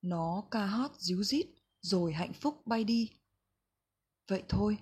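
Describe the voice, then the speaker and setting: A woman reading a reflective book passage aloud in a slow, gentle, measured way. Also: mid-range voice, expressive, husky. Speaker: book reader.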